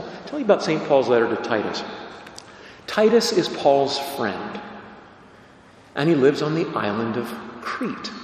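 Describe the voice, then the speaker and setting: A man, a priest, reading the gospel and preaching emphatically, his voice ringing with cathedral echo. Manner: emphatic, animated preaching with sudden rises in pitch. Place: large church. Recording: cathedral echo with long reverb, faint noise.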